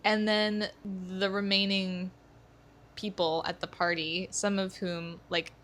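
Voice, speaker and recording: A woman's voice: mid-range voice, little pitch movement, slow pace, fairly bright tone. A young woman co-hosting a casual book-discussion podcast, eager and thinking aloud as she talks. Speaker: podcast co-host.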